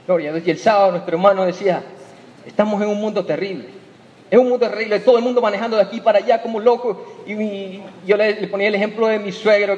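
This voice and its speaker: A man preaches with a high, ringing voice, leaning on "hermano" and acting out small stories to make his point. His voice trails off into the long reverb of a church hall, heard through a dull, muffled recording. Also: darkish tone, a little hiss or hum. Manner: calls listeners "hermano" over and over, tells everyday stories with acted voices. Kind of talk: sermon.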